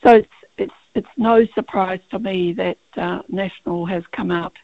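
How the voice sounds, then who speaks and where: Speaking over a tinny phone line as a guest on a radio interview, a female barrister has a croaky, gravelly voice that sits lowish and steady. She halts often, with many fillers and restarts, and there's no echo.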